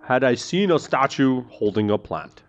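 A gruff, salty old sailor from a fantasy tabletop game, acted by a man. He is friendly and talkative and draws out his words. Music plays behind him. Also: medium pitch, very animated, moderate pace, natural voice. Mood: friendly, chatty. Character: friendly old male sailor, tavern regular.

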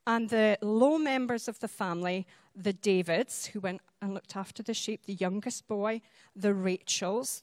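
A woman from the Highlands of Scotland with a Highland Scottish accent, preaching a sermon in an explanatory way and checking in with short tag questions. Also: no echo.

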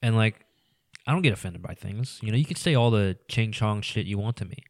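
A man's voice: on the low side, expressive, a little fast, no echo, clean studio sound. A man talking as a guest on a casual podcast, rambling with many "you know"s and trailing into mumbles.

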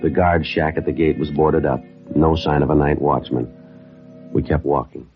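Methodical detective, extremely low, matter-of-fact, clipped delivery; 1950s radio crime drama, dull vintage sound. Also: male voice, steady tone, normal speed, faint music behind. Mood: deadpan. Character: terse, methodical male police detective narrating his case. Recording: muffled vintage radio recording.

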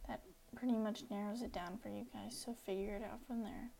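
A young woman from the United States hosting her first casual solo podcast, rambling and self-deprecating, sometimes dropping to a soft near-whisper. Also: medium pitch, steady tone, a little fast, gravelly, slight background noise, rough recording. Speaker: podcast host.

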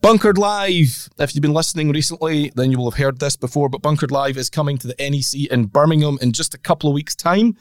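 A man's voice: fairly high pitch, fairly even intonation, quick pace, hardly any pauses, no room sound, studio quality. A Scottish man hosting a casual golf podcast, with a nasal voice from a blocked nose. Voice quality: nasal, congested. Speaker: podcast host.

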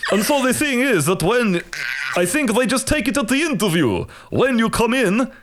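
A man's voice: very high voice, very animated, normal speed, noisy background. A man co-hosting a comedy podcast with a dry, teasing sense of humor. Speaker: podcast co-host. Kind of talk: casual comedic chat.

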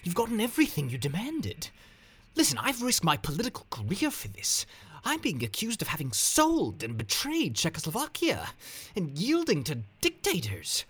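A flustered older statesman, as a male narrator puts him on, pleads in a strained, raised voice that leaps about in pitch. He sounds anxious and indignant. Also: big pitch swings, measured pace, pushed and bright, exaggerated voice. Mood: pleading.

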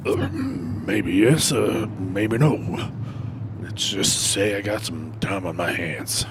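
A man's voice: on the low side, very animated, slow, music in the background. An actor playing a scruffy, erratic man who was fired from his job, rambling and stammering over his words. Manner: rambling, stammering, self-important.

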